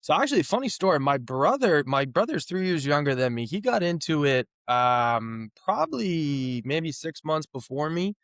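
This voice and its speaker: A thirty-year-old man from New England tells his story in a smooth, resonant voice. He talks relaxed and loose, with many fillers and false starts. The recording is close and dry. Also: on the high side, normal speed, few pauses, no echo. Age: 30s. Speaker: guest, physical therapist. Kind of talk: casual interview talk.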